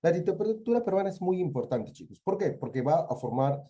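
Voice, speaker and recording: A man's voice: fairly high pitch, very animated, brisk, dark tone, breathy edge. A young adult man from Peru with a Peruvian Spanish accent, teaching a literature review lesson and putting questions to his students before answering them himself. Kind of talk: exam-prep literature lesson.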